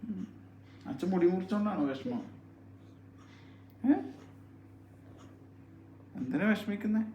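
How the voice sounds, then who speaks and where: A father talking softly with his young child at home, coaxing and soothing with repeated gentle questions. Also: sits high, expressive, slow, slight background noise. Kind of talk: casual home video chat with his child. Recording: roomy echo.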